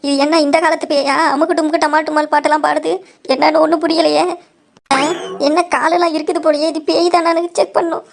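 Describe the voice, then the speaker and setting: A woman's voice: high-pitched, little pitch movement, a little fast, creaky, a little hiss or hum. A woman voicing a panicky village woman in a cartoon, wailing and crying out in fright. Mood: frightened. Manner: shrieking, wailing "aiyo" in fright. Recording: music playing behind the voice.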